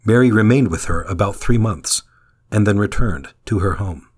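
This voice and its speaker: A man giving a calm, measured scripted reading of a daily devotional meditation. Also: on the low side, breathy edge. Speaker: meditation reader.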